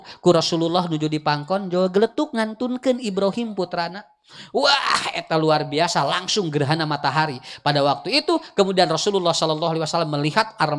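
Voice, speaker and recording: A man with a Sundanese accent preaching a humorous Islamic sermon, swinging between loud, high emphasis and quiet asides, often chuckling.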